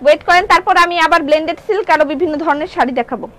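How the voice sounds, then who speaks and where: A woman with a sore throat selling clothing live in a showroom. She chats quickly, reads viewer comments aloud and keeps repeating prices and how to order. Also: high voice. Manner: chatty, lively, repeats prices and order steps. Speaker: online clothing seller.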